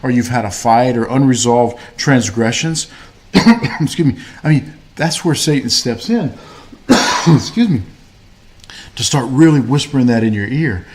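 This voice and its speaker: A man's voice: medium pitch, lively intonation, unhurried, a little mellow. A man co-hosting a casual faith-based chat, talking in a rambling way with many fillers and restarts. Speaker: podcast co-host.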